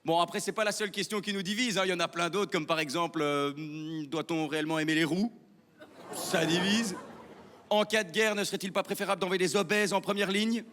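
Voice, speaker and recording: Young Belgian stand-up, Belgian French accent, provocative deadpan delivery; live theatre with long reverb. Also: male voice, high voice, a little fast, noisy background. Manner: deadpan, provocative, chatty with the audience. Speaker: stand-up comedian. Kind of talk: stand-up comedy set. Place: theatre stage before a live audience. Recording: live theatre hall with crowd.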